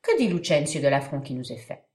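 A worried middle-aged father, played by a woman, speaks formally and full of questions. It is stage-comedy delivery with lively intonation and a clear room echo. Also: deep voice, brisk, pitched below the performer's own voice. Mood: troubled. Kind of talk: dramatic reading of a classic stage comedy.

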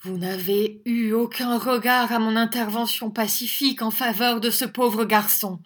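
A woman's voice: fairly high pitch, steady tone, a little slow, pitched above the performer's own voice. Woman doing a bold indignant young hero. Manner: shouting, forceful, indignant. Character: bold indignant young man defending a boy.

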